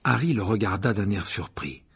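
Man narrating audiobook, very husky, gravelly, lively, expressive. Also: on the low side, moderate pace. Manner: expressive, animated reading.

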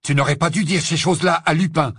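A man voicing a blunt, grumbling teenage boy wizard in an audiobook, gruff in manner. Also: fairly high pitch, steady tone, fast, fairly bright tone, dry recording, studio quality, voice pushed up, exaggerated voice. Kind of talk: audiobook character voice.

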